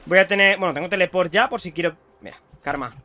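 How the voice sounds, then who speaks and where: A young man from Spain with a Spanish accent, chatting excitedly to viewers while commentating his own gameplay. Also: high-pitched, quick pace. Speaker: streamer playing a video game.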